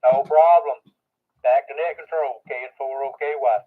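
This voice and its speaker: A man's voice: medium pitch, steady tone, moderate pace, husky. Folksy man over ham radio static. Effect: ham radio transmission with static. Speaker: net check-in operator. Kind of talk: casual ham radio chat. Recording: tinny narrow radio signal.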